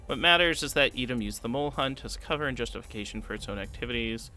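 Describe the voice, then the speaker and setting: Fast-talking and forceful, this man's mid-range voice is bright as he readies a tabletop campaign on a solo stream with music in the background. He's the game master, reading long rule passages aloud, thinking out loud, and humming occasionally.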